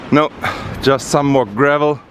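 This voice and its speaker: Male travel vlogger, unhurried and halting with fillers, outdoors with faint noise behind. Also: medium pitch. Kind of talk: casual vlog narration. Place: outdoors on a rainy coast.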